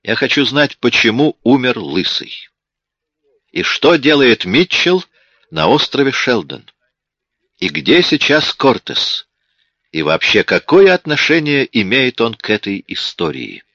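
A man reading an audiobook, voicing a smug, sharp police detective who talks in a cool, mocking way. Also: mid-range voice, very animated, a little slow, no echo, voice pushed up, exaggerated voice. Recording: dull lo-fi audiobook recording.

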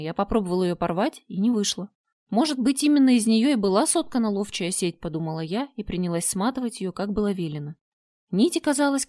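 A woman reading a first-person story aloud, with expressive storytelling. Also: mid-range voice, dry recording. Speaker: narrator. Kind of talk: first-person audiobook narration.

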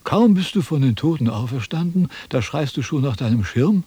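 An actor playing a vain, pompous philosopher in a 1970s radio drama, lecturing and easily indignant. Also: male voice, mid-range voice, expressive, normal speed, warm tone, slightly rough, no echo. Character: vain, pompous old male Chinese philosopher.

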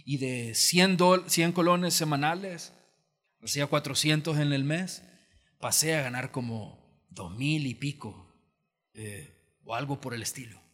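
A man's voice: on the high side, measured pace, fairly bright tone. A man preaching a sermon as pastor in a church auditorium, telling stories in a conversational way and acting out the voices he quotes. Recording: long hall reverb from church auditorium.

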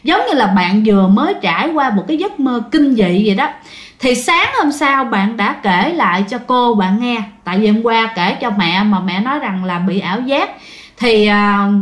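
A woman's voice: fairly high pitch, lively intonation, normal speed. A woman with a Southern Vietnamese accent hosting a ghost story show, telling the tale in a chatty way and speaking straight to her listeners. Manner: chatty, addresses listeners directly. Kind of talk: casual spoken storytelling. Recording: roomy echo.

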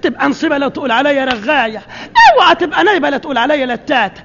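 A man's voice: extremely high pitch, fairly bright tone. A man playing a nosy, fussy Egyptian housewife who talks nonstop, in an old radio comedy sketch with an Egyptian accent. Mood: rattling chatter. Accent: Egyptian Arabic. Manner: rapid, rambling, scolding nonstop talk. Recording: dull archive radio recording.

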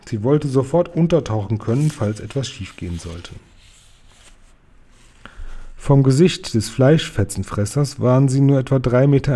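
A man reading a children's storybook aloud, slowly and expressively. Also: medium pitch. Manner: slow, careful, expressive. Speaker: reader.

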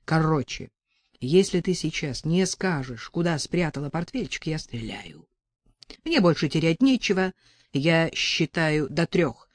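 A woman's voice: deep voice, very animated, unhurried, dry recording, heavily acted. A woman reading an audiobook and voicing a crude, threatening male gangster who speaks bluntly in slang. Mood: menacing.

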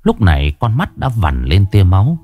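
Low-voiced man telling a ghost story. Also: huge pitch swings, moderate pace, dark tone. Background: faint background music.

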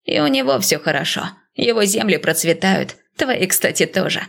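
A gentle male god speaks softly and hesitantly, with a slightly gravelly edge, as a woman reads him aloud. His reassurances come measured and cautious, like a calm deity in an audiobook. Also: fairly low pitch, exaggerated voice.

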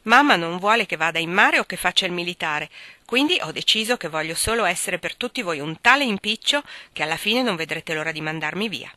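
A woman's voice: on the low side, expressive, a little fast, sharp tone, no room sound. A woman voicing a sulky, teasing younger brother. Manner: mocking, sulky. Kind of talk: audiobook reading.

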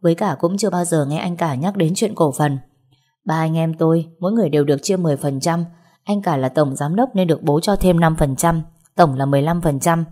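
A woman reading a story voices a smooth, falsely friendly young man who schemes against his family. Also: sits low, dark tone.

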